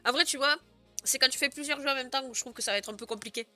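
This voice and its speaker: A woman's voice: sits high, very fast, pushed and bright, soft background music. A young woman streamer chatting casually with her viewers, giggling often and filling her talk with "euh" and "genre". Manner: chatty, giggly, many fillers. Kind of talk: casual live stream chat.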